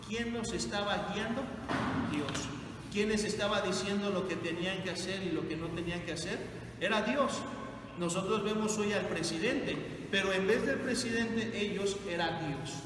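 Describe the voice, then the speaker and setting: A man's voice: sits high, a bit bright. A man teaching a Bible class, asking his group questions and repeating their answers. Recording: echoey hall from far off, noisy.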